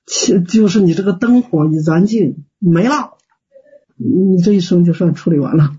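A man's voice: high-pitched, moderate pace, warm tone, breathy edge. A man teaching Buddhist practice in an online Q&A, plain-spoken and folksy, full of fillers and rhetorical questions. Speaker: Buddhist teacher answering students. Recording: dull lo-fi call audio.

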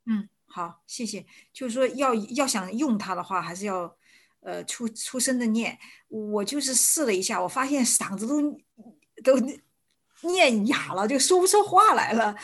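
A woman's voice: on the high side, animated, normal speed, a bit bright. A woman in her forties, calling in with a question, speaking politely and hesitantly with many restarts. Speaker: caller asking a question.

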